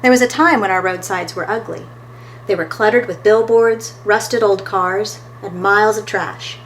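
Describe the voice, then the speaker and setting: As a storytime host, a woman reads a picture book aloud expressively and talks to her listeners between pages. Her medium-pitched voice moves at a moderate pace on a low-quality recording with a little hiss or hum.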